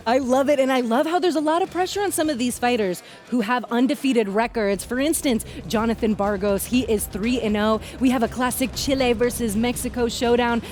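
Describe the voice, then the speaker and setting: Higher-voiced woman hosting a fight broadcast. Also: a little fast, hardly any pauses, darkish tone. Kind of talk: upbeat sports broadcast hosting.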